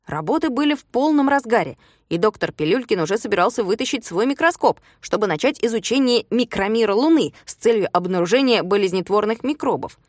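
Woman, storybook narrator, higher voice, very animated, dry. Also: a little fast, no echo. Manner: expressive, shouts character lines. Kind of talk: storybook reading with acted dialogue.

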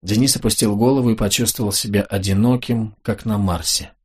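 A man narrating an audiobook in a calm, even reading manner. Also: fairly low pitch, brisk, slightly rough.

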